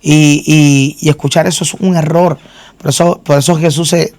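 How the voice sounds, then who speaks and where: A man's voice: fairly high pitch, steady tone, moderate pace, a little mellow, no room sound. A man, a minister, telling his own story in a faith interview, earnest and often repeating words as he restarts. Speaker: guest minister and singer.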